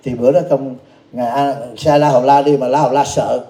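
A Buddhist monk gives a storytelling dharma talk. His voice is very dark and mellow, and he acts out each character. The talk echoes through a roomy temple hall. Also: medium pitch, little pitch movement, fast talker.

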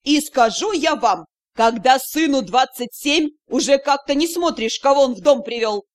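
Lady voicing a dramatic dark elf mom, loud, bossy, wailing, high voice. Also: expressive, moderate pace. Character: overwrought dark elf mother, loud and theatrical.

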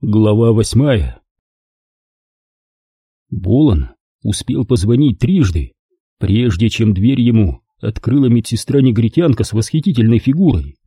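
A man narrating a thriller audiobook in an expressive storytelling manner. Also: fairly low pitch, unhurried, pauses often, breathy edge, dry recording, clean studio sound. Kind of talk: scripted narration.

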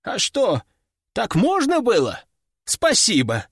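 Male narrator playing a high, snarling storybook demon, cocky and mocking; dry close read. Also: wildly swooping pitch, slow pace, husky, no echo, exaggerated voice. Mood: cheeky. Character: boastful hungry male demon, small but brash. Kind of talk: audiobook character voice.

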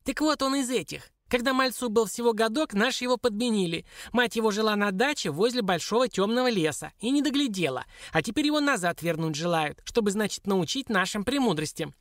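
A man reading an audiobook, voicing a sly, whiny little dwarf with a piercing, squeaky screech. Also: animated, brisk, hardly any pauses, fairly bright tone, no echo, clean studio sound. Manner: wailing, pleading and cursing by turns. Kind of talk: audiobook character voice.

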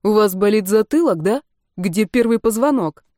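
A woman's voice: mid-range voice, expressive, normal speed, warm tone, no echo, clean studio sound, close to an everyday voice. A woman reading the part of an inquisitive, snippy young man. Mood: probing. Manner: inquisitive, hissing retorts.

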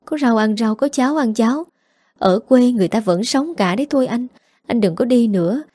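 A woman's voice: on the high side, expressive, a little fast, mellow, husky, no room sound. Brief: woman reading as an abandoned older wife, choked and pleading, dry close sound. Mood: pleading grief. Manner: choked, imploring.

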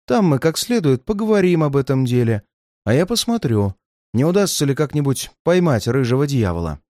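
A man's voice: medium pitch, big pitch swings, fairly quick, no room sound, lightly acted. A man voicing a stern male detective who speaks dryly and firmly. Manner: dry and firm, sometimes gentle.

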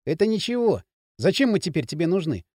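A man's voice: high voice, very animated, quick pace, a little mellow, no echo, clean studio sound. A man voicing a young village lad who speaks in hurt, clipped replies. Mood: hurt, sulky.

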